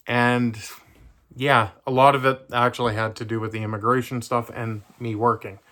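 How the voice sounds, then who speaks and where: Young man, casual vlog to camera, rambling, hesitant fillers, mid-pitched voice. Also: sharp tone. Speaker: vlogger.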